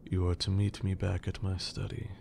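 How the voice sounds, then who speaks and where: In an intimate ASMR roleplay, a man plays a haughty, teasing gentleman vampire, speaking formally in a breathy half-whisper and tossing out condescending endearments. His low voice stays monotone at normal speed, dismissive in mood, with some background noise.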